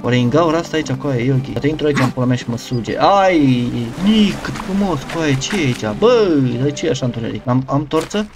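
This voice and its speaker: A man's voice: medium pitch, few pauses, over music. A man, playing a survival game with a friend, chatting casually, swearing and yelping in fright. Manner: excitable, swearing, yelps when scared. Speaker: gaming streamer. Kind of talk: casual gameplay chat.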